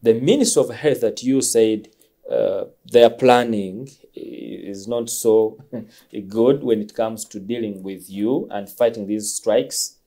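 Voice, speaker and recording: A man's voice: fairly low pitch, slow, creaky, mellow. A man hosting an interview, asking probing questions with frequent hesitations and murmured backchannels. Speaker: interview host.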